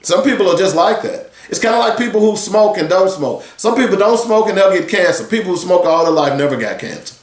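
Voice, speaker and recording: A man's voice: high-pitched, expressive, fairly quick, few pauses, echoey room. A man in his sixties talking earnestly as a sports radio host, rambling and conversational. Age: 60s. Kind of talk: solo talk radio commentary.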